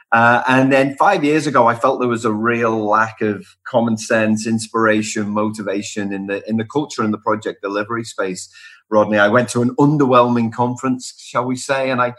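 Interviewed on a podcast, a middle-aged Liverpudlian speaker and author on workplace culture answers in a conversational way, leaning on emphatic repetition and lists. His voice is mid-range with a fairly bright tone.

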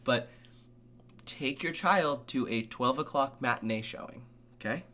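A young man co-hosting a casual podcast chat, ranting with animated, laughing delivery. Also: mid-range voice, measured pace. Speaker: podcast co-host.

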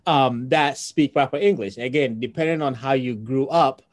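A man talking casually as an interview guest, thinking aloud with pauses and tag questions. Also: mid-range voice. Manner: thoughtful, pauses often, asks tag questions.

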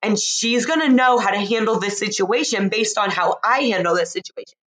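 Chill lady doing a personal encouraging talk, medium pitch, takes her time, draws words out, real reassuring. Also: fairly quick, fairly bright tone, low-quality recording. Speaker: host speaking to listeners. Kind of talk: intimate, casual motivational talk.

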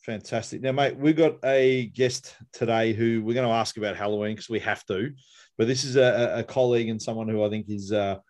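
A man's voice: on the low side, steady tone, fairly quick, a little mellow. An Australian man hosting a podcast, chatty and casual, calling people mate. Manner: chatty, uses 'mate'. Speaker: podcast host.

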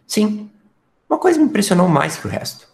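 A man's voice: high voice, big pitch swings, fairly quick, gravelly, darkish tone, full character voice. A man playing a detective's earnest, impressionable companion in a radio drama, recounting findings expressively. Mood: intent, convinced.

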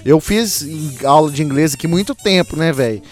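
A man's voice: fairly high pitch, normal speed, faint music behind. A man from Brazil telling travel anecdotes in a casual chat, mimicking accents as he goes. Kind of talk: casual storytelling.

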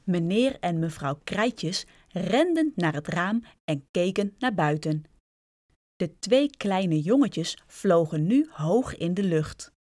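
A woman's voice: on the low side, expressive, takes it slowly, a little mellow, no room sound. A woman reading a children's storybook aloud, speaking directly and expressively to young listeners.

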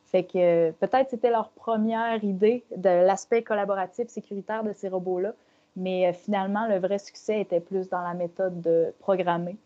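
Mellow-voiced Québécois woman explaining. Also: mid-range voice, steady tone, moderate pace, lo-fi sound. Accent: Québécois French. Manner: thoughtful, explanatory, with many fillers. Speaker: panelist. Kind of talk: round-table discussion.

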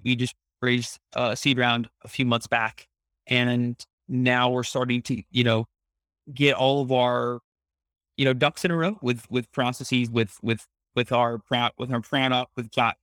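Tech-bro startup founder, very dry sound. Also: male voice, medium pitch, fairly even intonation, a bit bright, no room sound. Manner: tech-bro startup talk full of business buzzwords; halting, repeats words as he searches for phrasing. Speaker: startup founder, interview guest. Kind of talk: conversational interview answers.

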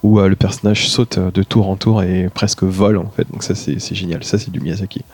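A man's voice: low-pitched, steady tone, a little fast, a little mellow, breathy edge. A man, a guest author talking through film and book picks on a podcast, hesitant with many fillers. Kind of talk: podcast conversation.

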